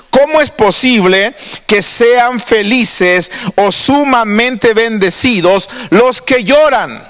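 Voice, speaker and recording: A man's voice: high-pitched, a bit bright, in a large hall. A man preaching a sermon to his congregation. He talks in a conversational way and often asks his listeners questions. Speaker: pastor. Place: church.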